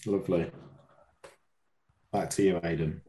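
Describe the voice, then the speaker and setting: An echoey, roomy recording of a man with a fairly low voice. He plays quizmaster on a football podcast, chatting casually and bantering with the contestants. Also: steady tone, a little slow, warm tone. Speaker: quiz host on a football podcast.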